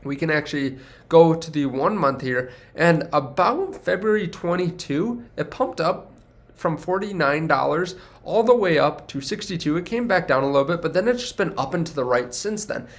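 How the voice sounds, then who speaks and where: A young male finance video host chats casually to camera in a slightly high, expressive voice at a normal pace. He sounds stuffy and congested from a cold, yet stays upbeat, rambling along and correcting himself as he talks.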